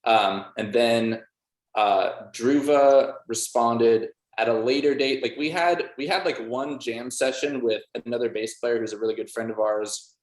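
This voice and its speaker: Speaking in a mid-range voice at a slightly slow pace, a musician who plays in a band and produces music chats loosely through an interview, his rambling answers full of "like." The sound is echoey and roomy.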